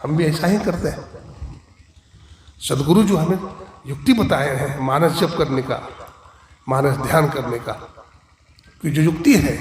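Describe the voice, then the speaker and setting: A man preaching an emphatic sermon in a fairly high voice, asking questions and answering them, repeating his key lines for weight. He is recorded in an ashram hall that echoes, with a long reverb hanging after each phrase. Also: slight background noise. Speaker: swami, preacher. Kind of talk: Hindi religious sermon, storytelling.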